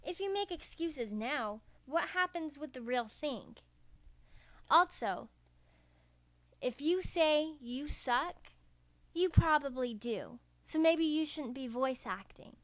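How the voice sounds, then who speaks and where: Recorded on a USB karaoke mic with no echo, a woman walks through a scripted voice acting how-to. Her voice sits high, expressive and slow, as she explains each step with care.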